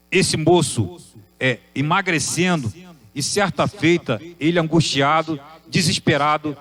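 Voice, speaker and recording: A man preaching a sermon, posing emphatic rhetorical questions. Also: on the high side.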